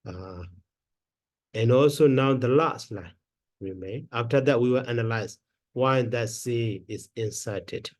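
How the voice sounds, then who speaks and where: A man teaching Pali grammar in a slow lesson, counting syllables aloud one at a time with many pauses and fillers. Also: medium pitch, darkish tone, dry recording.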